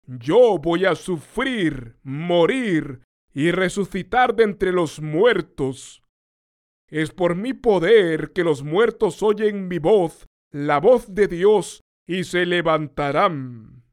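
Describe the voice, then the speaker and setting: A preacher speaking the lines of a calm, authoritative male teacher and healer, grave and deliberate, close to his own voice. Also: sits high, heavily acted. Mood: solemn.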